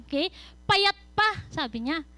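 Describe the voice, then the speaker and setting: A young woman giving a youth sermon, retelling a Bible story in lively Taglish with quick asides. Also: very high-pitched, no echo. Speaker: youth speaker.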